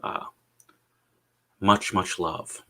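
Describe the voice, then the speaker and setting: A man chatting casually on a solo livestream, rambling and halting, repeating words and pausing as he goes, with blunt, sweary language. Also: bright, forceful tone. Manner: halting, meandering delivery with repeated words and drawn-out pauses.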